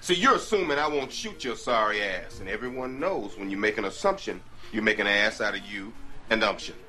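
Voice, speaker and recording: A man's voice: on the low side, a little fast, pushed and bright, soft background music. An actor playing a menacing, foul-mouthed male police sergeant, blustering through profane threats.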